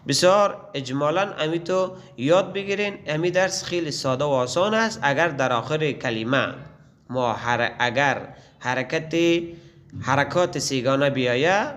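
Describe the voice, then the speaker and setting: A man teaching a Quran reading lesson. He recites letters slowly and drawn out, then explains the rules patiently. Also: medium pitch, a bit bright.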